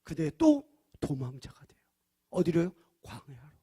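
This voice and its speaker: A male pastor preaching a sermon at a church prayer service. He asks the congregation questions and swings between loud, emphatic lines and soft, hushed ones. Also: a little high, wildly swooping pitch, moderate pace, slightly rough.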